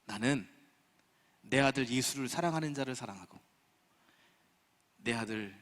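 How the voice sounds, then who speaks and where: A man voicing God as a solemn, fatherly figure making a slow, grave declaration. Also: medium pitch, a bit bright, in a large hall, voice pushed down, close to an everyday voice.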